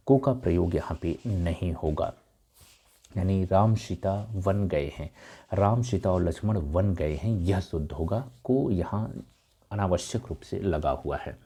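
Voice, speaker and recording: A man teaching grammar, going through exam questions one by one, reading the options slowly and then explaining the corrections quickly. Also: sits low, mellow, slightly rough. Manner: addresses viewers as dear friends. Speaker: Hindi exam tutor. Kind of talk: exam answer walkthrough.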